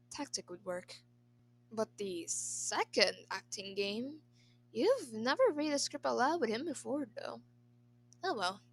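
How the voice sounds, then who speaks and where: An amateur reader, a woman with a slightly high voice, narrates a scripted fan fiction story. A little hiss or hum runs under the recording.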